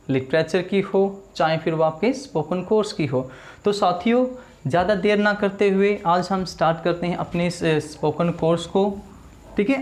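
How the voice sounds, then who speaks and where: A man teaching a video English class in Hindi, saying each word slowly and asking listeners to repeat it back. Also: high voice, darkish tone. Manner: drills words slowly, repeats them, asks the class to repeat. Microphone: small camera in front of him.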